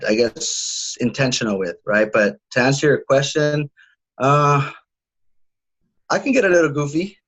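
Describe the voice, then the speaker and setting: A man's voice: medium pitch, lo-fi sound. A man in his thirties talking casually as an interview guest, often restarting his sentences and filling with "uh" and "you know". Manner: halting, many restarts and fillers. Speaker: guest, home security salesman.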